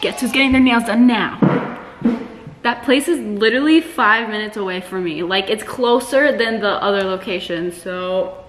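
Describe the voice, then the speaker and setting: Her voice is medium in pitch and a bit bright, bouncing around an echoey room. She's a young woman in her twenties vlogging at home in her bedroom and living room, chatting in a bubbly, casual way, picked up by a camera mic across the room.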